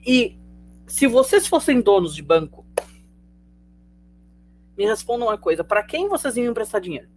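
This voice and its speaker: Brazilian accent, sociology teacher, online class, chatty, rhetorical questions, checks in with students, mid pitch, faint hum. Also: sing-song, moderate pace, long pauses. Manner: conversational, asks students rhetorical questions, tags sentences with "tá?". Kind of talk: live online class lecture.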